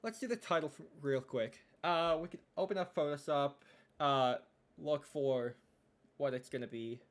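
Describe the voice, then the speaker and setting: A man's voice: fairly high pitch, normal speed. A young man streaming live, chatting casually and thinking aloud as he works on a game, often trailing off into mumbles.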